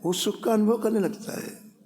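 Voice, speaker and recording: A man's voice: sits high, steady tone, normal speed, darkish tone. A man preaching a sermon, telling a devotional story and briefly acting out the characters' lines. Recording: long hall reverb.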